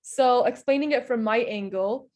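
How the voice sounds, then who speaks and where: As an interview guest, a young woman from Hungary gives earnest, explanatory answers, frequently softening them with "in a sense." She speaks at a moderate pace in a slightly high, somewhat mellow voice.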